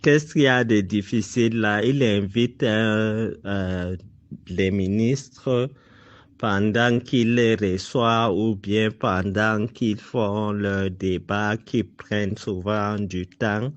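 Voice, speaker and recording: A Cameroonian man with a low, steady voice speaks slowly and informally in an exposé, pressing accusations and repeating himself for emphasis. The recording is muffled.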